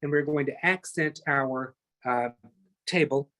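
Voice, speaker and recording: A man's voice: medium pitch, unhurried, sharp tone. Chatty man teaching a painting class. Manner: chatty, talks through each step, self-correcting. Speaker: painting instructor. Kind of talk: live online painting class demonstration.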